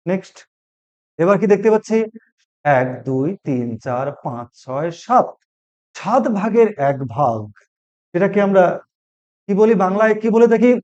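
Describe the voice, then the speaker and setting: Man teaching English in a lively, questioning voice. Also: high-pitched, a little slow, long pauses. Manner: asks and repeats questions to the class. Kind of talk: classroom lesson. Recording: dull lo-fi recording.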